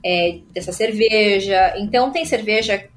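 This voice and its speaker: A woman's voice: mid-range voice, unhurried, faint music behind. A woman sommelier with a Brazilian Portuguese accent, explaining at length in casual chat with many filler tags and restarts. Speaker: sommelier guest.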